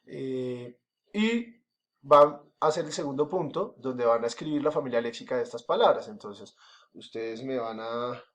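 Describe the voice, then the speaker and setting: A man's voice: mid-range voice, animated, normal speed. A man with a Colombian accent teaching a recorded school lesson, explaining step by step with many fillers and frequent checks that the class is following. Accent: Colombian Spanish.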